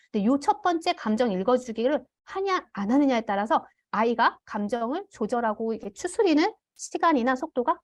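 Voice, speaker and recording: A woman teaching an online parenting class, calmly explaining and acting out what parents can say to children. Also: a little high, dry recording. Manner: demonstrates parent phrases aloud. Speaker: parenting educator. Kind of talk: online parent education lecture.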